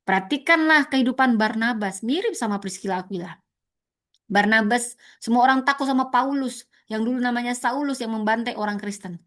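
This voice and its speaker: A woman preaching a sermon, animated, repeating words for stress and jumping high to mimic others. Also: fairly quick. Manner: animated, leaps to high pitch for emphasis and mock quotes; addresses listeners as "saudara", repeats words for stress.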